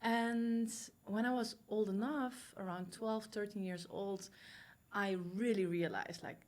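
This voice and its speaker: A woman's voice: mid-range voice, steady tone, measured pace, a little mellow. A woman in her thirties from the Netherlands with a Dutch accent, telling her life story as a podcast guest in a direct manner with fillers and restarts. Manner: direct, laughs easily, many fillers and restarts. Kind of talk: candid personal storytelling.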